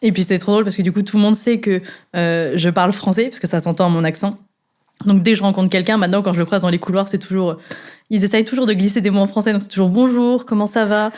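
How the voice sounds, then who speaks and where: A woman's voice: mid-range voice, fairly even intonation, fast, a little mellow. A woman in her twenties from France, a young engineer chatting casually as a guest, with many fillers and restarts. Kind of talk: casual chat.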